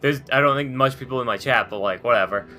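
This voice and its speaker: A man hosting a casual livestream, excitable and self-deprecating as he chats to viewers. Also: medium pitch, quick pace. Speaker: streamer hosting a tabletop character creation session. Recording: background music behind voice. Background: music.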